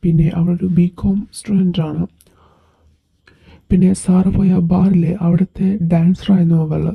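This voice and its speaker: A woman's voice: on the low side, little pitch movement, moderate pace, creaky, husky, heavily acted. A woman voicing a dutiful male henchman reporting to his boss in an amateur audio drama, rambling and deferential. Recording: dull lo-fi recording.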